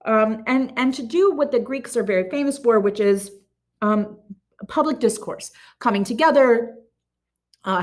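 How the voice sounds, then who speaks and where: A woman teacher giving a recorded art history lecture in a casual way, with many ums and restarts. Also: on the high side. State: has the hiccups.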